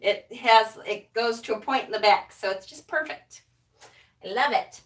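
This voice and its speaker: A woman hosts a casual live stream from a small room in her home, greeting viewers loudly and chattily in an upbeat mood. She speaks at a moderate pace in a voice on the high side, and because she stands a few feet from the camera, she sounds a little distant from the mic.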